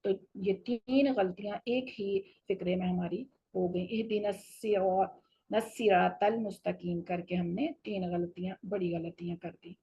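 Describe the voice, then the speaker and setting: A woman teaching a Quran recitation lesson, explaining patiently and slowing down for each recited example. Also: on the low side, steady tone, lo-fi sound, a little hiss or hum. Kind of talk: tajweed lesson.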